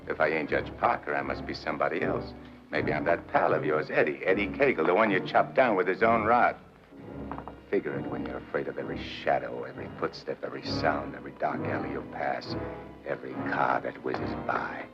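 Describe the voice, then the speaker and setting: A very deep-voiced slangy gangster. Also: male voice, fairly quick. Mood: menacing. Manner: slangy, menacing, streetwise. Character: tough gangster man in a judge's body. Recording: dull old film soundtrack with music.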